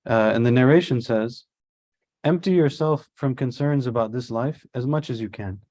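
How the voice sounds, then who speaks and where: A man with a mellow, relaxed voice leads a casual religious lesson. He talks in an easygoing, conversational way, drops Arabic religious terms into his English, and explains with everyday examples. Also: medium pitch. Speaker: religious teacher. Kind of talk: casual Islamic study-circle lesson.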